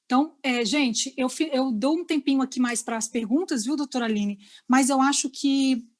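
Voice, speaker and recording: Her voice is high and her pace moderate as this woman, Brazilian by accent, teaches lawyers over a video call. She breaks each point down step by step and regularly checks that her listeners are following.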